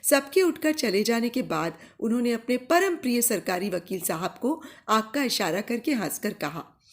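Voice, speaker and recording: A woman narrating a literary short story in a measured, expressive reading voice. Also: fairly high pitch.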